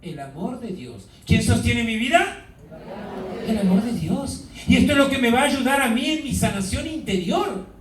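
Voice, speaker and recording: Priest, male, high voice, drawn-out emphatic preaching; caught from afar in a roomy church. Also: lively intonation, crowd noise. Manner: asks the congregation questions, drawn-out emphasis. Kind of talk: sermon. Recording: echoey hall, mic far off.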